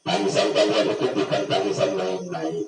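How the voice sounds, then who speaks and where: A man, a religious teacher, preaching to children and rising to high emotional pleas. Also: fairly even intonation, moderate pace. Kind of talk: sermon to children. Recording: very echoey, distant mic, music behind.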